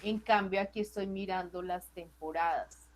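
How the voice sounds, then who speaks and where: A woman's voice: fairly low pitch, fairly even intonation, moderate pace, a little hiss or hum, low-quality recording. A woman teacher, walking a class through charts in a patient, question-checking way over a computer mic. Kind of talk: online class explaining spreadsheet charts.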